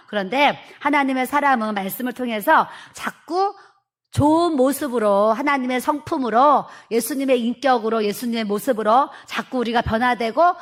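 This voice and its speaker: A middle-aged woman pastor preaching a sermon earnestly, acting out family dialogue with laughs. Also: fairly high pitch.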